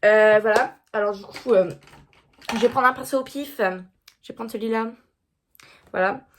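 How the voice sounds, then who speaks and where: A woman's voice: fairly high pitch, a little slow, slight background noise. A young woman filming a casual makeup vlog, chatty and self-mocking, stumbling over words with many fillers and apologies. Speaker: vlogger.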